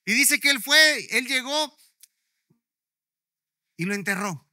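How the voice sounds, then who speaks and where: A man preaching a sermon in a high, ringing and forceful voice. He is emphatic and keeps checking in with his listeners. The sound is dry and close. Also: expressive, takes it slowly, no room sound. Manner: emphatic, often checking in with the audience. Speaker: pastor.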